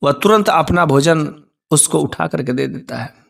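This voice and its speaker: A man narrating a devotional story, acting out the characters' voices in animated fashion. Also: a little high, a little slow, vocal fry, recorded from a distance.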